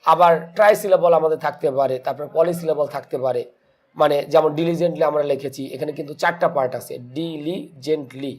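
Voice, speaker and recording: A man's voice: a little high, fast talker. A man teaching English grammar for exam prep in Bengali with a Bangladeshi accent, posing questions to students and answering them himself, mixing English terms into his speech.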